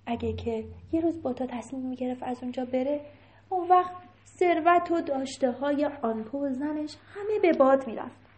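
Lively woman telling a children's story. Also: high-pitched. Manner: animated, asks the children questions.

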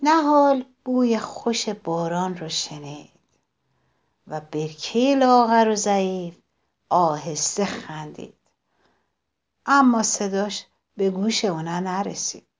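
A woman reading a story aloud to children, expressive and addressing them directly. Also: mid-range voice, pauses often.

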